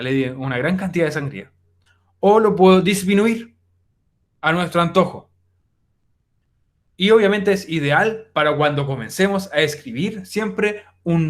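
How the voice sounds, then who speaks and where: A young man explaining a lesson on a screen recording, talking informally to his students with many fillers. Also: on the high side. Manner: informal, addresses students directly, frequent fillers. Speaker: teacher. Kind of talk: recorded online class explanation.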